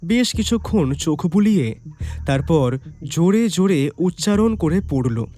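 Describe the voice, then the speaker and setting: A man narrates a detective story in the first person, in a mellow, rather high voice. His delivery is lively and full of rising and falling pitch. Soft music plays underneath. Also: measured pace, no room sound.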